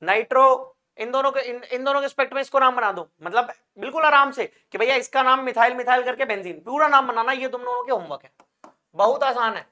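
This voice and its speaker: An extremely high, fast, bright and forceful voice belongs to a male chemistry teacher giving an exam-prep lecture. He fields his own questions, calls his students brother and child, and uses playful wordplay to make things stick.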